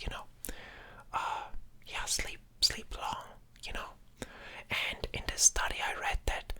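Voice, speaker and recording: A person speaking in a breathy whisper in a casual ASMR ramble, sounding sleep-deprived and hesitant, often trailing off and starting thoughts again. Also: bright, forceful tone. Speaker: ASMR creator.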